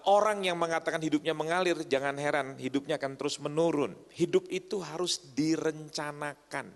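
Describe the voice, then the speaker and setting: A man preaching a humorous sermon to a congregation, often stopping to ask if they agree. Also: fairly high pitch. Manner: joking, often asks the crowd to agree. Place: church hall. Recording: long church hall reverb.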